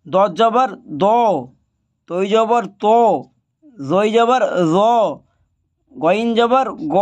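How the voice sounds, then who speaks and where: A man teaching Arabic letter pronunciation step by step, patiently addressing viewers and drawing out each letter sound in slow recitation. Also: high-pitched. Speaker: Quran reading teacher.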